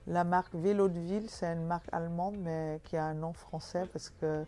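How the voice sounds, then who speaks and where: A woman's voice: fairly low pitch, little pitch movement, moderate pace, warm tone. A woman in her fifties from the Netherlands with a Dutch accent, answering interview questions about her bike shop with many fillers and restarts.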